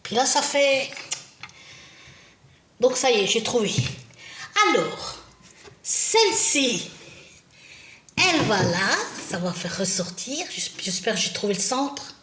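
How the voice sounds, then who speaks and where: A woman's voice: on the high side, very animated, slow pace, pauses often, sharp tone, slight background noise. Chatty, self-mocking woman in an echoey room. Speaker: home vlogger. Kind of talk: casual chat while decorating a shelf. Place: indoors at home.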